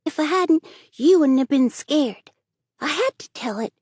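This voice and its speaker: A woman's voice: high-pitched, expressive, unhurried, darkish tone, dry recording, clean studio sound, pitched above the performer's own voice. A woman voicing a mischievous small boy with a childlike, colloquial way of talking. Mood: frank.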